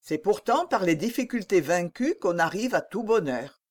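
A woman's voice: medium pitch, lively intonation, normal speed, lightly acted. A woman reading the part of a young king, lovesick and pleading, in an impassioned, exclaiming manner for an audiobook.

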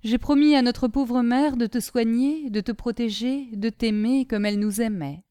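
A woman playing a gentle, devoted sister. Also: on the high side, normal speed, clear, resonant tone, dry recording, clean studio sound, natural voice. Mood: tender. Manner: tender, pleading, earnest.

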